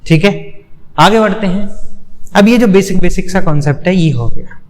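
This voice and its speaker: A man's voice: high voice, lively intonation, moderate pace, a little mellow, in a large hall. A man teaching a biology lecture for exam students, asking rhetorical questions and repeating the answers.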